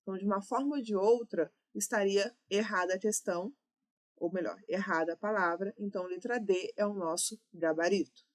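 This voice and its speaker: Speaking fairly quickly in a mid-range voice, a woman with a Brazilian Portuguese accent explains exam-prep grammar one step at a time, fixing her own slips as she proceeds.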